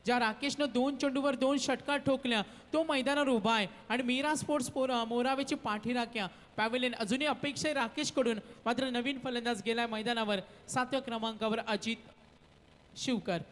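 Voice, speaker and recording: A man's voice: extremely high pitch, steady tone, a little fast, fairly bright tone. A man giving live cricket commentary and calling out the score. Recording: long reverb, like a PA system.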